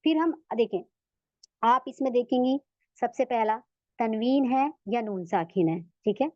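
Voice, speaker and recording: A woman teaching a recitation lesson to women. She patiently repeats each step and draws out sample words slowly. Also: a little high, warm tone, no room sound. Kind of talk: online tajweed lesson for women. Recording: dull, lo-fi, dry sound.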